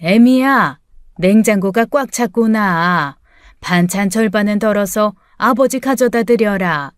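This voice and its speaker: A woman voicing a pushy, nosy older mother-in-law who grumbles and gives orders in a slow drawl, in an audiobook story reading. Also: mid-range voice, no room sound, clean studio sound, natural voice. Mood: bossy.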